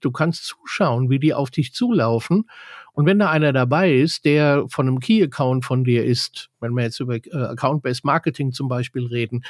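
A man with a middle-pitched voice talks through technical workflows in a smooth, expert way. The recording is dry and close, with no room sound. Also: no room sound. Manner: fluent, explanatory, full of tech jargon. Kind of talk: casual business chat.

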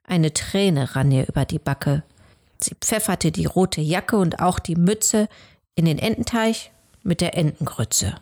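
A woman storyteller narrating a rhyming storybook, measured and sometimes hushed. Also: on the low side.

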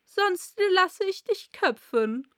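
A woman's voice: very high-pitched, animated, slow, fairly bright tone, no echo, studio quality, pitched above the performer's own voice, full character voice. A woman doing a blustering, irritable king. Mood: angry. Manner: angry, threatening.

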